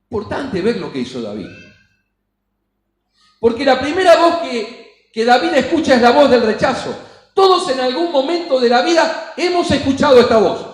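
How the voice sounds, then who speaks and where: A man's voice: extremely high pitch, sing-song, moderate pace, roomy sound, low-quality recording. A man with an Argentine Spanish accent preaching a sermon in a church, emphatic and acting out the voices he quotes. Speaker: pastor.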